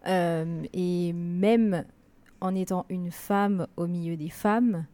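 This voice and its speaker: Mellow woman in casual discussion. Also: lowish voice, fairly even intonation, takes it slowly. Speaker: radio guest.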